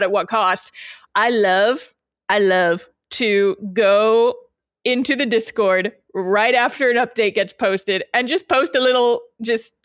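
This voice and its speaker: A woman who makes a webcomic, chatting casually on a podcast, animated and laughing often with quick bursts of speech. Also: a little high, no echo, clean studio sound. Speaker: webcomic creator and podcast co-host.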